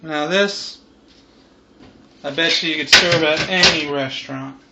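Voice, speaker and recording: A man in his thirties chatting casually as host of a home cooking vlog, in a loose, rambling, laid-back stoner manner. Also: a little slow. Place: home kitchen, indoors. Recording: roomy, muffled camera audio with frying noise. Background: sizzling deep fryer.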